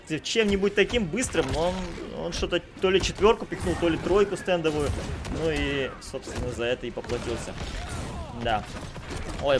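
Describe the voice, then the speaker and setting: A man's voice: a little high, background noise. A young man commentating a live fighting game tournament like an announcer, with exclamatory calls and gamer slang, close on a streaming mic at home. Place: small room at home, streaming.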